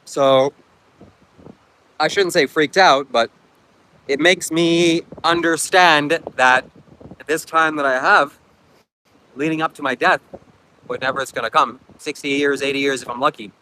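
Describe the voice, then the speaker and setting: Over a rough recording, a man's fairly high, bright voice comes through with a forceful tone. He's a Ukrainian-accented, non-native English speaker casually hosting a livestream on a beach, reading comments, coughing frequently and musing aloud while faint wind blows.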